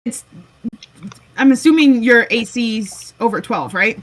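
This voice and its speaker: A woman running a tabletop game as game master, relaxed and unhurried, with frequent ums. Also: on the high side, low-quality recording.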